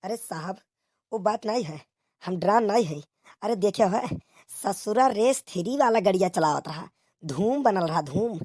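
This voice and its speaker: Animated yet unhurried, a woman with a medium-pitched, darkish voice brings bickering village policemen to life in a comic cartoon. Her eastern Uttar Pradesh accent drives colloquial, exclamatory, grumbling banter in rustic dialect, and the sound is dry and studio-clean.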